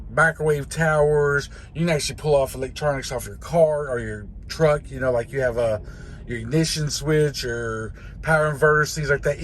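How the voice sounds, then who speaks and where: A man with a mid-range voice, a host and truck driver, rambles through a folksy, practical explanation of radio controls in a casual instructional video, sounding like a trucker teaching others. A little hiss or hum can be heard.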